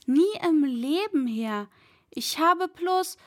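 Woman reading as a frightened servant boy, higher voice, pleading, storybook. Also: expressive, takes it slowly, fairly bright tone, no echo, studio quality, heavily acted. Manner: pleading, flustered. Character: poor timid young male servant.

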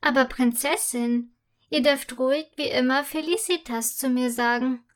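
A woman's voice: high-pitched, fairly even intonation, normal speed, close to an everyday voice. A woman voicing a kind, courteous lady's maid in a storybook.

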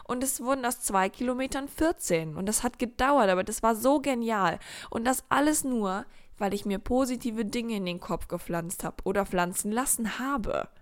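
A woman's voice: on the high side, normal speed, few pauses. A woman giving a motivational monologue in a casual, direct way, asking the listener questions and acting out inner voices. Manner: acts out inner voices and quotes; casual slang. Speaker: motivational speaker.

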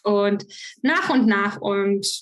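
A woman's voice: mid-range voice, lively intonation, slow pace. A young woman telling her personal story frankly and with emotion as a podcast guest, often restarting her sentences. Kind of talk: personal interview conversation.

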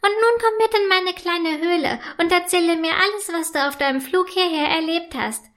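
A woman voicing an excitable female ice elf in a children's storybook, high and bubbly, with eager chatter. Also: normal speed. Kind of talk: storybook reading.

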